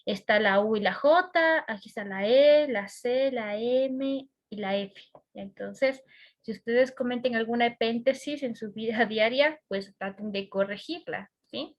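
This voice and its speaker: A woman's voice: a little high, measured pace, dull audio. An Ecuadorian woman teaching a class over a video call, patient and checking often that students follow. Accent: Ecuadorian Spanish.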